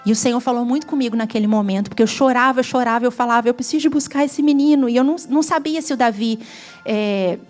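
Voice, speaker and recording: Speaking fast in a rather high, slightly mellow voice, this guest preacher from Brazil shares a heartfelt testimony at a church gathering, her Brazilian Portuguese accent clear as she rises to fervent emphasis. Soft music plays in the background.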